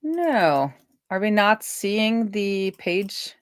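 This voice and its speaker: Live-streaming as a web developer, a woman casually talks herself through each coding step, thinking aloud. Her voice is mid-range and sing-song, and she speaks very slowly.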